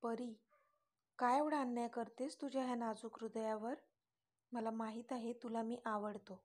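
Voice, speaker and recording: A confident young lover who teases and corners the girl with pointed questions, smirking as he talks, read by a woman storyteller. The voice sits a little high, kept close to her own reading voice. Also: darkish tone, close to an everyday voice. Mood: tender. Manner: teasing, smirking, pressing questions. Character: teasing confident young man in love.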